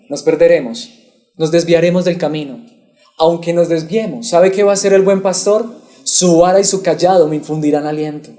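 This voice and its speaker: A pastor teaching his church delivers an expository Bible sermon, putting questions to the congregation and pausing for their replies. His voice sits somewhat high, yet it stays warm and mellow rather than bright.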